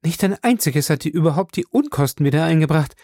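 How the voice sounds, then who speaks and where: A man voicing a chattering, warm-hearted older woman who gushes breathlessly. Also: fairly high pitch, expressive, fast, no room sound, pitched above the performer's own voice. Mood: gushing.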